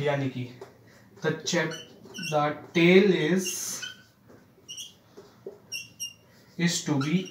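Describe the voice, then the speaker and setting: A male teacher giving a classroom grammar lesson to children, often checking they follow and reading English examples slowly. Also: high-pitched, a bit bright. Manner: addresses children, frequent "ठीक है ना" checks, slow spelled-out English examples. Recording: echoey room.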